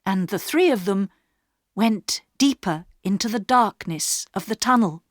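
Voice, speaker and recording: A woman narrating a story in slow, clearly paced English for learners. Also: mid-range voice, expressive, dry recording, clean studio sound. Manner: clear, carefully paced reading.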